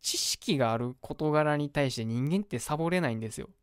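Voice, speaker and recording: A man's voice: on the high side, expressive, fairly quick, smooth, no room sound, clean studio sound. A man with a Kansai Japanese accent hosting a livestreamed radio show, chatting casually and explaining advice to listeners in a colloquial way.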